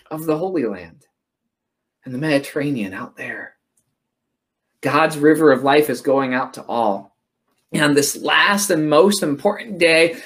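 A male preacher delivering a sermon in a fairly high voice. He retells a scripture story dramatically. He repeats key phrases for emphasis. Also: fairly bright tone.

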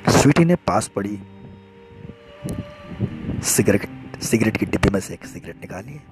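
A man narrating a dramatic story in a steady, hushed storytelling tone, over loud music. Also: fairly low pitch, moderate pace.

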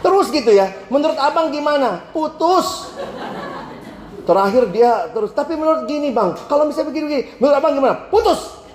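A male preacher with a high voice tells a story in a sermon and acts out both sides of a phone call with animated energy. He stretches single words for emphasis. He is heard in an echoey hall with a faint murmur of ambience behind him. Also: slight background noise. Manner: emphatic, drawn-out words for stress.

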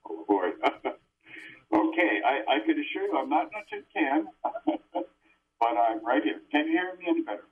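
An older man phones in as a guest exorcist, his voice thin and tinny as if squeezed through a cheap headset on a phone call. He sits back from the mic, so he sounds faraway. His speech is earnest and halting, with lots of fillers and restarts. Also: fairly high pitch, very animated. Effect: tinny, distant phone line like a headset mic. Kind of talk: call-in radio interview. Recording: tinny phone line heard from far off.

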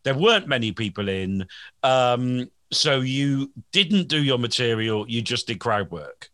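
Heard in clean studio audio without echo, this forty-something comic hosting a podcast rambles along, poking fun at himself and often starting over mid-thought. He has a medium-pitched, slightly bright voice with lively intonation and speaks a little slowly in this casual chat.

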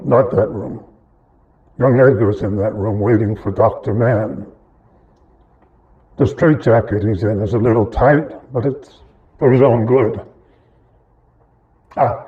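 An actor playing an ominous, courteous asylum attendant in an audio drama, heard through a muffled narrow band. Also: male voice, medium pitch, slow, long pauses, natural voice.

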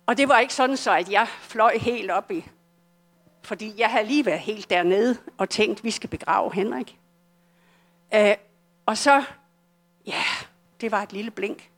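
An older woman with a Danish accent telling her personal story at a church service, earnest and halting, often restarting her sentences. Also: medium pitch. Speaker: church testimony speaker.

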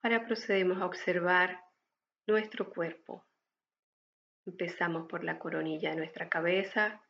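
A woman leading a guided meditation in a soft, soothing, hushed voice, giving unhurried instructions with pauses. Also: lowish voice, fairly even intonation, vocal fry, lo-fi sound.

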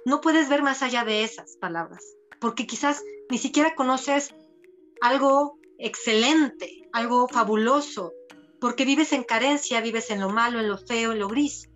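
A woman's voice: on the high side, measured pace, soft background music. A woman, talking as a podcast guest and acting out the voices of people she quotes. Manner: expressive, acts out quoted voices. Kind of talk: podcast conversation.

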